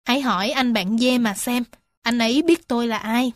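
A woman voicing a patient female cow in a children's storybook, speaking gently. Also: on the high side, normal speed, dry recording, studio quality, natural voice. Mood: gentle.

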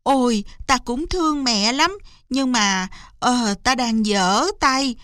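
A woman's voice: a little high, takes it slowly, a bit bright, dry recording, clean studio sound. A woman voicing a selfish young sister who hedges and hesitates in a storybook tale. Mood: hesitant.

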